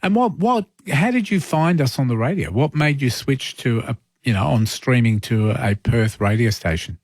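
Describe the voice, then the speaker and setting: A man's voice: medium pitch, expressive, normal speed, no echo. Australian man hosting dry, close-miked radio. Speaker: overnight talk radio host. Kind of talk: live phone-in chat. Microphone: close studio microphone.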